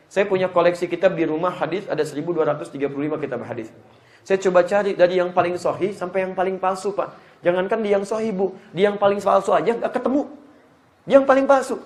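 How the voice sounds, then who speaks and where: A man preaching an Islamic lecture to a live congregation, lively and joking as he speaks to the audience directly. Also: high voice. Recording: echoey room.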